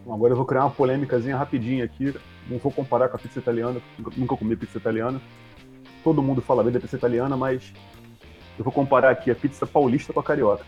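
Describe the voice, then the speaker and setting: A man's voice: mid-range voice, fairly even intonation, very fast, a little mellow, highs cut off, soft background music. A man hosting a casual interview, playful and teasing. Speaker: interview host.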